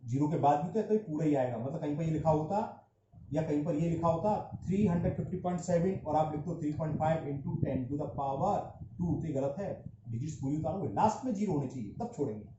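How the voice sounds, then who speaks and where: A man teaching a maths lesson. He explains step by step and mixes Hindi with English terms, stretching out key words slowly. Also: on the high side, lively intonation. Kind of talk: classroom-style math lesson. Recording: dull echoey room recording with faint background noise.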